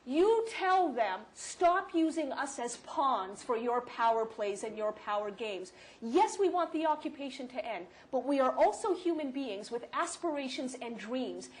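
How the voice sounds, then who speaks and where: A woman speaking at a university lecture and answering audience questions, animated and emphatic, quick to rebut. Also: sits high. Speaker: guest speaker.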